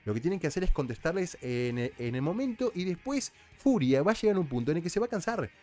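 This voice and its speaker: A man's voice: on the high side, very animated, fast talker, dark tone, soft background music. Chatty Argentine man explaining things. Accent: Argentine Spanish. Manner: chatty, explanatory, with frequent restarts. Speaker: reality show recap commentator. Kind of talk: casual commentary.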